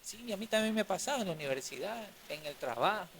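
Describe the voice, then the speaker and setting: A male pastor preaching a sermon, moving from loud emphatic lines to quiet, hushed ones. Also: high-pitched, lively intonation, fast, a little hiss or hum. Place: church.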